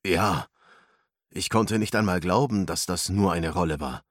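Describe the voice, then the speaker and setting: A man's voice: low voice, unhurried, dry recording, studio quality. A man voicing an earnest, awkward young man, read as part of a storybook narration. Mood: playful. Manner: earnest, unsure.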